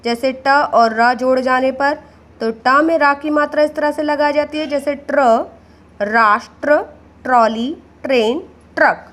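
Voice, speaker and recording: A woman's voice: high voice, unhurried, a bit bright. A woman teacher giving a patient grammar lesson, repeating each word and addressing the children directly. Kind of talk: slow classroom explanation.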